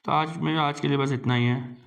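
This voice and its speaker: A man's voice: on the high side, fairly even intonation, a bit bright. Man casually explaining news for exam prep. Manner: reads English headlines slowly, then explains casually in Hindi. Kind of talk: casual lecture reading news headlines.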